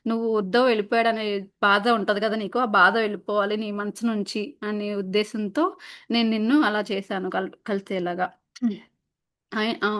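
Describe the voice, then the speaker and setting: A woman casually narrating a spiritual story in a chatty way, often pausing on filler sounds and restarting words. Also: medium pitch.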